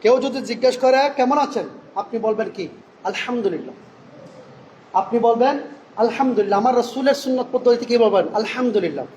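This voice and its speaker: A man delivering a Friday sermon in a mosque, asking rhetorical questions and answering them himself, and reciting Arabic phrases slowly and carefully. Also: very high voice, darkish tone, lo-fi sound. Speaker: preacher. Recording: echoey hall reverb, faint room noise.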